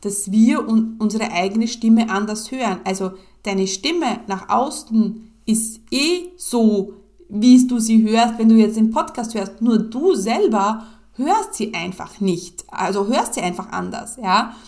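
A woman's voice: fairly high pitch, expressive, measured pace, a little mellow. A middle-aged woman hosting her podcast alone at a home mic, talking casually with lots of fillers and "ja" tags. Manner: chatty, many fillers and "ja" tags. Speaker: podcast host and business coach. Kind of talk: casual solo podcast talk.

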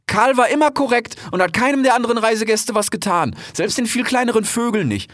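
A man voicing a young grey fox who talks eagerly and exclaims loudly. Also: extremely high pitch, fairly quick, no echo, studio quality, voice pushed up. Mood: excited. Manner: excited, loud exclamations.

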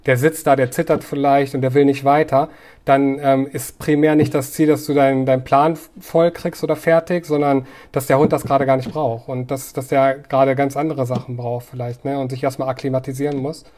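A man's voice: medium pitch, level tone, fairly quick, a little mellow. A man, a dog trainer and podcast guest, explaining his views thoughtfully at length, with fillers and restarts. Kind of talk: conversational podcast interview.

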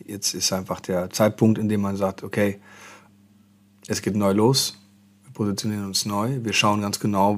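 A man hosting a solo marketing podcast, talking conversationally and addressing the listener directly with tag questions. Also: lowish voice. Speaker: podcast host, marketing consultant.

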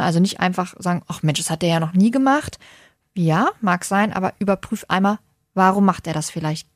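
A woman's voice: mid-range voice, no echo. Woman, dog trainer, patient explaining tone, dry close sound. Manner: explains patiently with everyday examples. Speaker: dog coach guest. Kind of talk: casual podcast chat.

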